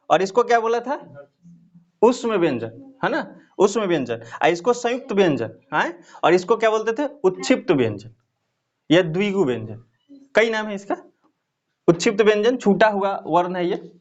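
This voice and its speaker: A man's voice: high voice, muffled recording. A man teaching a Hindi grammar lesson to students, patiently asking the class rhetorical questions as he explains.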